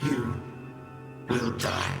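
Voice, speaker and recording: An actor playing a male military defense robot in a video game, his voice run through fuzz distortion, speaking in a clipped, flat, robotic way. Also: drawn-out words. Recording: echoey game audio over loud music. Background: loud game music.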